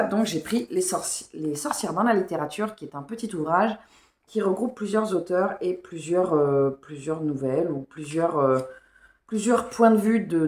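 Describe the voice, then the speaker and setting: Woman, book vlogger, casual rambling chat, slightly unclear diction, lowish voice, echoey room. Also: darkish tone. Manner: chatty and rambling.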